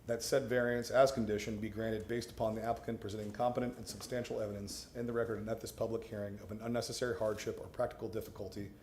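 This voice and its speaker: A man's voice: lowish voice, little pitch movement, quick pace, hardly any pauses, a little mellow. A man who is a board member, stating a formal motion at a public meeting. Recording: echoey room, faint noise.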